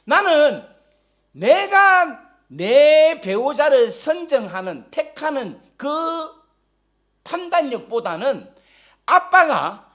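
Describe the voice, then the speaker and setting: A man preaching a sermon, telling stories animatedly, joking with the congregation and rising to shouts when stirred. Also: very high-pitched, very animated, slow. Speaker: guest pastor. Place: church sanctuary during a live service.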